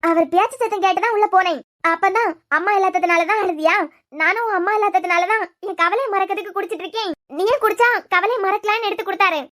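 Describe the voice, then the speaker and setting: A woman's voice: very high-pitched, fast talker, a bit bright. A woman with a Kanyakumari Tamil accent voicing an earnest young woman who pleads and explains to defend her aunt in a cartoon serial. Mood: explaining.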